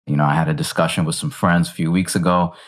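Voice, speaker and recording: A man's voice: deep voice, little pitch movement, fast. A man hosting an interview, asking questions with a curious, hesitant manner and frequent fillers. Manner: inquisitive, uses many fillers. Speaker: interview host.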